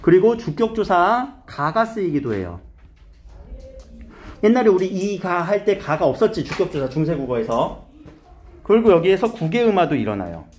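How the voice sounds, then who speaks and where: Animated male teacher quizzing his class. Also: high-pitched, normal speed. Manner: asks students questions and coaxes answers, repeats key terms. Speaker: high school Korean teacher. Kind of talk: classroom grammar lesson.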